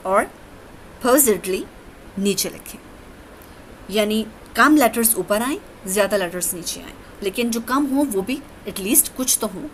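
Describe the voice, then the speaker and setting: A woman's voice: fairly high pitch, slight background noise, rough recording. A woman teaching an English lesson, explaining each rule step by step with patience. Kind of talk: recorded classroom lecture.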